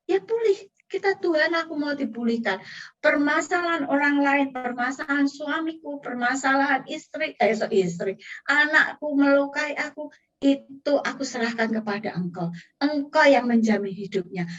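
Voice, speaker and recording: High-voiced woman pastor preaching from afar. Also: fairly bright tone, dull audio. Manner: emotional, earnest, addresses congregation directly. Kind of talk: sermon with personal testimony. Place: church service. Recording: distant from the mic.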